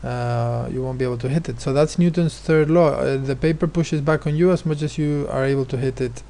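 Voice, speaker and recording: A man's voice: medium pitch, fairly even intonation, a little fast, vocal fry, warm tone. A male teacher explaining physics exam questions, hesitant, with many fillers and restarts. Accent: non-American, his remark says so.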